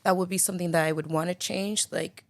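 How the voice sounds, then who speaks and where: This podcast guest from the Bahamas speaks fast in a lowish, fairly even voice, with a Bahamian accent and no room sound. Using a studio mic and headphones, she chats casually and reflectively, her speech full of "like" fillers.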